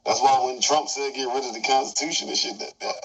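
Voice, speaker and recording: A man's voice: medium pitch, steady tone, fast talker, a bit bright, rough recording. A man in a casual roundtable chat, talking bluntly and profanely with emphasis.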